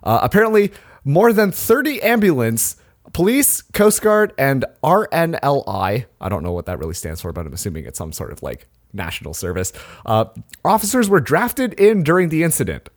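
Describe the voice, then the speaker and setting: A man's voice: a little high, moderate pace. A man co-hosting a casual comedy podcast, reading out odd news stories and laughing often. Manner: animated storyteller, laughs often. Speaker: podcast co-host.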